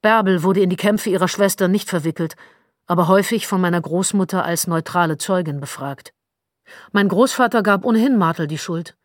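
A woman narrating an audiobook in a measured, wry storytelling manner, close to the mic. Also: on the low side, no echo. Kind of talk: scripted narration.

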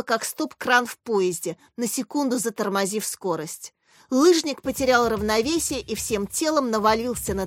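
A woman narrating a story in a steady, expressive scripted reading. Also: fairly high pitch, no room sound, clean studio sound.

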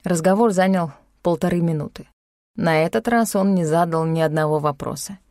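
A woman narrating a first-person novel as an audiobook, calm, wry and even-paced. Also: fairly low pitch, moderate pace, dry recording. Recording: dry close studio sound.

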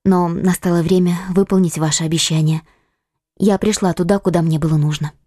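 A woman's voice: on the low side, fairly even intonation, brisk, mellow, dry recording, studio quality, lightly acted. Woman playing a secretive frightened young woman. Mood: pleading. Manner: pleading, evasive. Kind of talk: audiobook acting.

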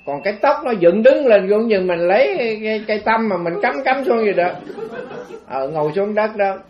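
A man's voice: sits high, muffled recording. A man with a Southern Vietnamese accent, a Buddhist monk telling a story in a dharma talk, rambling and conversational as he addresses the audience directly.

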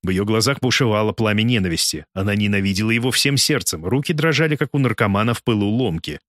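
A man narrating a dramatic audiobook in an expressive, theatrical manner. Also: fairly low pitch, quick pace, no room sound, clean studio sound.

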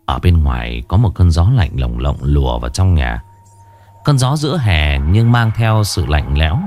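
A man narrating a ghost story in a dramatic, expressive way. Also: deep voice, no echo.

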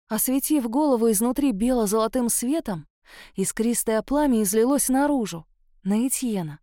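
A woman narrates a first-person novel in an expressive, engaged reading voice. Her pitch sits a little high. The recording is close and dry, with no room around it. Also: no echo. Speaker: audiobook narrator.

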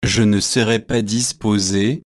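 A man reading the lines of a stiff young man who is easily shocked, in a slow, measured way. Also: fairly low pitch, fairly even intonation, dry recording, studio quality, lightly acted. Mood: indignant.

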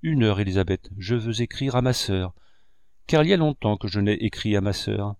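A man's voice: lowish voice, moderate pace, darkish tone, clear, resonant tone, no echo, clean studio sound, lightly acted. Ondine, a man reading as a distraught young woman. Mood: weary.

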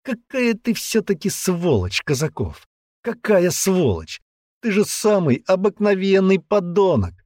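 A man voicing a defiant, sharp-tongued young woman who shouts insults in a high, strained voice in an audiobook. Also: very animated, unhurried, dry recording, clean studio sound. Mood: contemptuous. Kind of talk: audiobook character voice.

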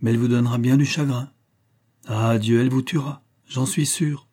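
A man's voice: mid-range voice, fairly even intonation, normal speed, warm tone, slightly rough, lightly acted. A man reading an audiobook voices a naive, playful young girl in a raised, girlish voice. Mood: fearful.

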